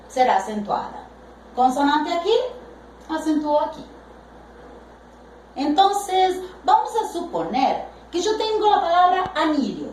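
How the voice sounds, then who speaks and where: A woman teaching a grammar lesson, speaking deliberately and stretching out the example words she stresses. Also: high voice, darkish tone, a little hiss or hum. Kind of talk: slow explanatory Spanish grammar lesson. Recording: echoey room, voice from a distance.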